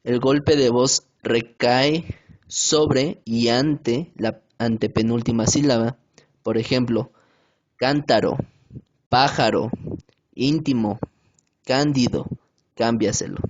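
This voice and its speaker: A man reading a grammar lesson aloud in a slow, careful way, with some hesitations. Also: mid-range voice. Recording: dull lo-fi home recording.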